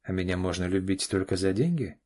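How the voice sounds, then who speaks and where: In an audiobook, a man plays a firm, confident middle-aged father, delivering curt, clipped lines. His low-pitched voice is animated and a little mellow, and he speaks fairly quickly.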